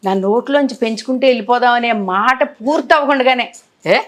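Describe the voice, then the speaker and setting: An older actress tells stories from her career with feeling, slipping into the voices of the people she quotes. Her voice sits a little high for a woman, and she keeps the tone of a long interview. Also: brisk. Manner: animated, acts out others' words in quotes. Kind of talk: emotional storytelling in an interview.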